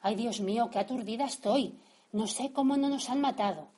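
A woman's voice: mid-range voice, lively intonation, moderate pace, darkish tone, husky. Woman reading as a flustered young mother. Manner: breathless, exclaiming.

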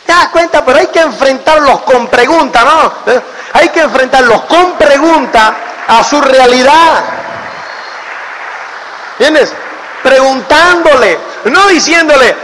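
High-voiced man speaking in an echoey hall. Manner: animated, keeps asking "do you get it?" tag questions. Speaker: motivational speaker. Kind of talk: motivational talk to an audience.

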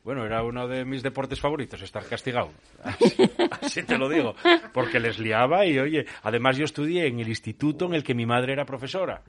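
Radio host guy in his 40s, gravelly, tells stories all animated and acts out the quotes. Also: mid-range voice, a little fast. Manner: lively storyteller, acts out quotes. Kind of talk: casual radio chat.

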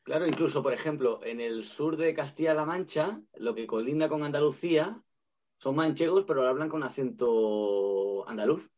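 A man's voice: mid-range voice, moderate pace, a little mellow. Hesitant male podcast host, lo-fi. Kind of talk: casual chat.

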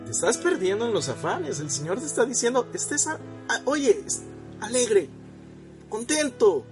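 A man with a high voice preaches a sermon, talking straight to each listener and repeating his lines for weight. He calls on the congregation to answer amen. Soft guitar music plays faintly behind him. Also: sing-song, normal speed. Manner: addresses listeners directly, repeats phrases for emphasis.

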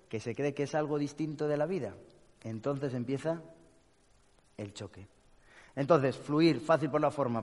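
A man with a Spain Spanish accent giving a lively talk to an audience, blunt and joking and swearing casually. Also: medium pitch. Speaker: speaker giving a talk on inner peace. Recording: long hall reverb.

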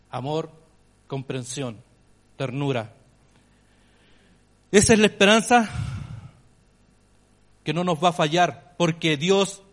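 A male pastor with a Chilean accent delivers an impassioned sermon. His voice sits a little high for a man, and he swings from loud, stressed phrases to hushed, intimate ones.

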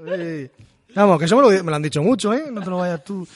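A man's voice: sits high, animated. A man in casual chat, grumbling and swearing about comics and films. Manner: quick, grumbling, profane.

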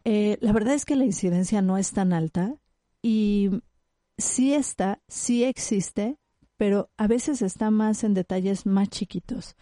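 Speaking a little slowly in a medium-pitched voice, this woman is a psychologist being interviewed as an expert. She explains her field animatedly and acts out short examples along the way. The studio recording is clean, with no echo.

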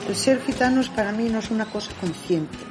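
A middle-aged woman, an interview guest, telling stories in a lively way and acting out what people said. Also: on the high side, a little fast, over music. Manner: animated storyteller who acts out dialogue. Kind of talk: conversational interview.

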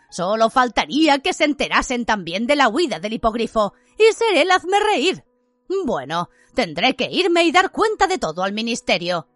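A woman's voice: fairly high pitch, a bit bright, no room sound. A woman reading aloud voices a flustered, pompous male government official who huffs and frets. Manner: agitated, huffing.

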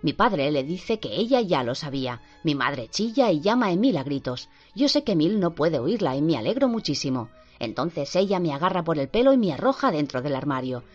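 Una mujer lee con voz propia a un niño maltratado que relata, tenso y entrecortado, su encierro. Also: female voice, low-pitched, very animated, brisk, hardly any pauses, a little mellow. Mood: fearful. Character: frightened abused young boy recounting. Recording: dull lo-fi with faint music.

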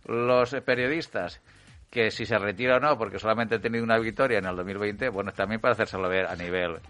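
A man hosts a cycling radio show, sounding formal at the top but hesitant later in the chat, with many restarts. His voice is lowish and a bit bright, and he talks fast.

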